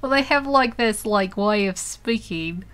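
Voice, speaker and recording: A woman's voice: mid-range voice, expressive, a little slow, a bit bright, clear, resonant tone. A woman chatting casually while she paints live on a tablet, laughing often and rambling with lots of fillers. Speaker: digital painting livestreamer.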